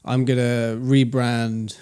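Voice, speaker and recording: A man's voice: medium pitch, flat delivery, slow, a little mellow, clear, resonant tone. Reflective man rambling on a podcast. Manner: reflective, rambling with many restarts. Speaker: podcast co-host. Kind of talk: casual chat.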